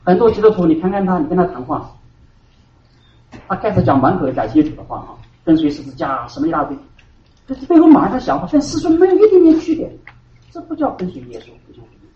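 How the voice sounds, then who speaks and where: A male pastor delivers a sermon with a lively, rising-and-falling pitch. He hammers key words, then sinks into hushed asides. He is heard from a distance in a roomy hall, through a dull, lo-fi recording. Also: quick pace. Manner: emphatic preaching, swinging between loud stresses and hushed asides.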